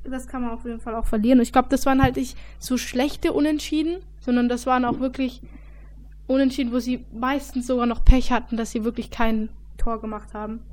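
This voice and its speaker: A woman's voice: a little high, fairly even intonation, fairly quick, darkish tone. A woman co-hosting a casual football chat, hesitant and full of filler sounds. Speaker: football podcast co-host.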